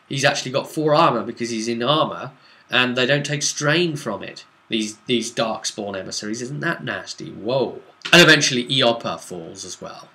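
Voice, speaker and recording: A man with a medium-pitched, bright, forceful voice recaps a tabletop role-playing session he ran as game master. He explains things casually and conversationally, tossing in dramatic asides.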